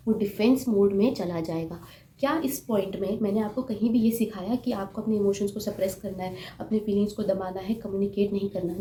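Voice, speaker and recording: A woman's voice: on the high side, mellow, a little hiss or hum. Earnest woman coaching in an echoey room. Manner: earnest, repetitive, asks the viewer questions. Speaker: relationship coach. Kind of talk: direct-to-camera advice talk.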